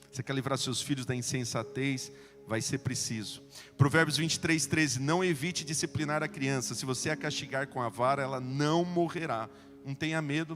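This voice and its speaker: A Brazilian pastor preaching a sermon, telling stories and acting out dialogue, swinging between soft and loud. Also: male voice, mid-range voice, long reverb tail. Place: church sanctuary.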